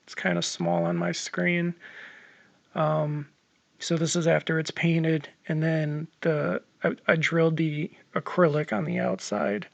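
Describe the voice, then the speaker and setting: A man's voice: a little high, a little slow, vocal fry, dry recording. Rambling man narrating a home-repair vlog. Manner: relaxed, rambling, lots of ums and uhs, swears casually. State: losing his voice. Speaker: homeowner vlogger.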